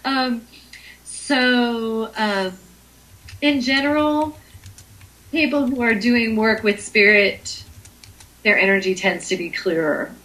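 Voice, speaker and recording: A woman's voice: fairly high pitch, slow pace, pauses often, fairly bright tone, rough recording. A woman being interviewed as a Reiki healer, talking in a hesitant way with many ums and restarts. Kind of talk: conversational interview.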